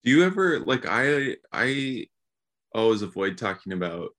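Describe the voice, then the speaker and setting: A man's voice: mid-range voice, sing-song, moderate pace, fairly bright tone. A man co-hosting a podcast in casual chat, joking and poking fun at himself. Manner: joking, self-mocking, acts out little quoted exchanges. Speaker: podcast co-host.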